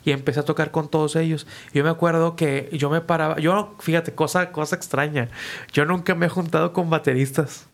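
A man, speaking a touch higher than most men. He tells his stories loosely and with energy, drops slang, and slips into the voices of the people he quotes. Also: steady tone, brisk, gravelly. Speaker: guest musician. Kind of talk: casual storytelling.

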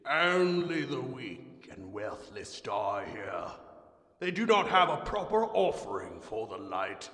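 A man voicing a pompous, greedy old male rat who hoards food, speaking gruffly in haughty old-fashioned phrases. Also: medium pitch, sharp tone, full character voice. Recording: echoey room with long reverb.

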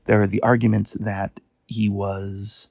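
A man's voice: fairly low pitch, level tone, unhurried, vocal fry, dry recording. A man telling a story in a chatty, rambling way with wry asides, heard over a landline phone. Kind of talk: casual storytelling on a voicemail. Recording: muffled, narrow phone line, dry.

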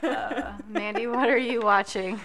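A woman co-hosting a podcast in casual chat, bubbly and quick to laugh. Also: a little high, fairly even intonation, a loud crowd. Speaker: podcast co-host.

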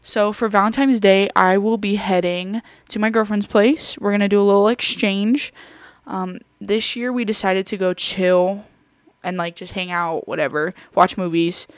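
A woman's voice: mid-range voice, fairly even intonation, normal speed, dry recording. A young woman hosting a podcast in a casual, rambling chat full of fillers and giggles. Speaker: podcast host.

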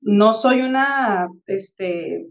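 A woman's voice: medium pitch, extremely slow, vocal fry, dull audio. A Mexican woman in her thirties chatting casually on a podcast, telling a reflective everyday story and acting out the people she quotes. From Tijuana, Mexico. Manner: reflective, animated anecdote-telling with acted-out quotes. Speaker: podcast co-host.

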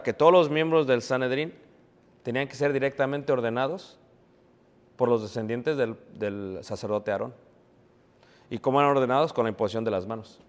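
Preacher with long hall reverb. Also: male voice, medium pitch. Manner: asks the congregation rhetorical questions and answers them; keeps calling his listeners brothers. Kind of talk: sermon. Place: church.

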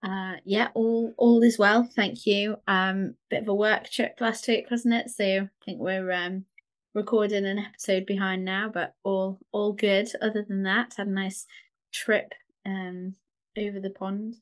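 A woman with a mid-pitched voice chats casually as a co-host. She is wry and understated in the way she responds. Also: level tone, unhurried. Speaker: podcast co-host. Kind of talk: casual chat.

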